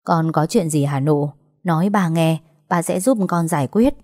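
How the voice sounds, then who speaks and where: A woman voicing a gentle, worried village father speaking softly to his daughter. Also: deep voice, moderate pace, dry recording, studio quality. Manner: gentle, stammering.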